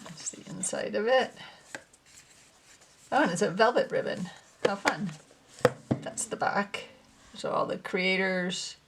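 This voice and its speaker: A woman's voice: medium pitch, takes it slowly, pauses often, noisy background. A woman hosting a casual tarot unboxing video, musing to herself as she handles the cards, a little out of breath. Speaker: tarot channel host.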